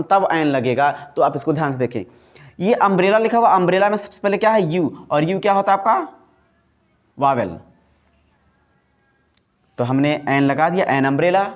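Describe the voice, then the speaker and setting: Higher-voiced male teacher drilling pronunciation. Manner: repeats sounds slowly to demonstrate pronunciation; asks the class questions and answers them himself. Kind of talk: classroom grammar lesson.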